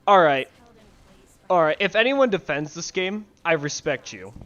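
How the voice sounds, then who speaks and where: Young male gaming ranter, slightly high voice, crude and sarcastic, rambling delivery, headset mic at home. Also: lively intonation, measured pace, a bit bright, lo-fi sound. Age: young adult. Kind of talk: casual rant to camera. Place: bedroom.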